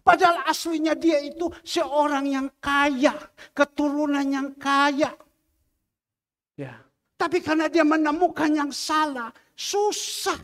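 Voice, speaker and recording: A man's voice: extremely high pitch, fairly even intonation, a little slow, fairly bright tone. A pastor preaching a sermon, emphatic and repetitive, acting out the people he quotes. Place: large church hall. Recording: reverberant church hall.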